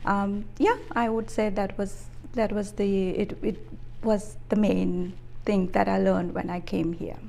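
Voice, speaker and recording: A woman in her fifties from Fiji, an executive answering interview questions in a measured, thoughtful way with frequent hesitations. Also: mid-range voice, little pitch movement, vocal fry, dark tone. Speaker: interview guest, business executive.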